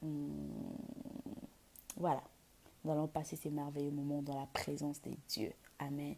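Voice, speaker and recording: A woman in giving an informal devotional exhortation as a worship leader, speaking haltingly and slipping into English at times, with a husky, breathy voice. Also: sits low, monotone, a little mellow, a little hiss or hum. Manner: hesitant French, slipping into English mid-talk. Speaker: worship leader inviting people to a praise event.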